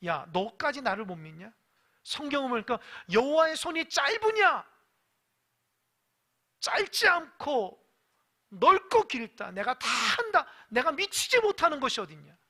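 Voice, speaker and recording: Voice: high-pitched, huge pitch swings, measured pace, pushed and bright, voice pushed up, exaggerated voice. A preacher voicing God as a stern, mighty male figure, scolding and emphatic, in a sermon retelling. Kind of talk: acted quote within a sermon.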